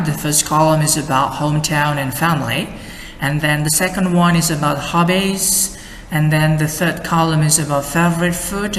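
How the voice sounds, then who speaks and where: A young man with an Indonesian accent tutors for an English exam, explaining slowly and carefully through model answers and linking ideas with many "and then"s. His voice is a little high and a bit bright. The echoey room carries faint ambience plus a little hiss or hum.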